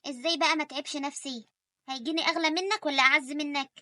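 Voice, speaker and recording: Woman voicing pushy old Egyptian mother, cartoon, high bright tone, rapid nagging, dry studio. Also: steady tone, no room sound. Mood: insistent. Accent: Egyptian Arabic. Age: older. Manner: nagging, insistent, fast. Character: grumbling elderly mother, pushy and doting. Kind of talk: animated story voice acting.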